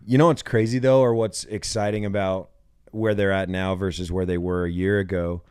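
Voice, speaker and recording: Man, sick voice, lowish pitch, enthusiastic, casual podcast co-host. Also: little pitch movement, moderate pace, a little mellow, smooth, dry recording, clean studio sound. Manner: enthusiastic, repeats words while thinking. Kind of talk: casual sports podcast chat.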